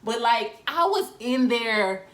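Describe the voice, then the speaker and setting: A young woman vlogger telling a personal story in casual chat, candid and animated, with asides and laughs, recorded on a phone. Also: on the high side, slow. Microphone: phone camera. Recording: roomy echo.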